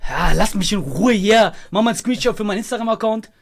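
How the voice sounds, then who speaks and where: A young man streaming with a friend, complaining and yelling in excitable casual banter. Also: high voice, fast, gravelly, a little hiss or hum.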